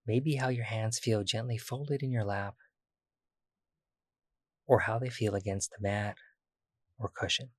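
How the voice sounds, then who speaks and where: A man guiding a body-scan meditation, speaking slowly and soothingly with long pauses. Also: fairly low pitch, steady tone, no echo, clean studio sound. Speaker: meditation guide.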